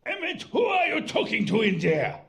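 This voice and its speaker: An actor playing a stern lawyer father who shouts and scolds his son in a video game. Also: sits high, big pitch swings, moderate pace. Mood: angry shouting. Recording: game audio over loud crowd noise.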